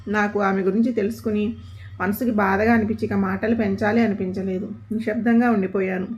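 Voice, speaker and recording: A woman storyteller reading a family story aloud in a steady, somber scripted narration. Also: mid-range voice, a little fast. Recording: dull lo-fi audio.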